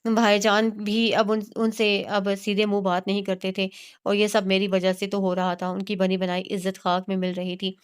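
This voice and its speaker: A woman narrating a romantic novel in an even, steady reading voice. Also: medium pitch, smooth. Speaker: audiobook narrator.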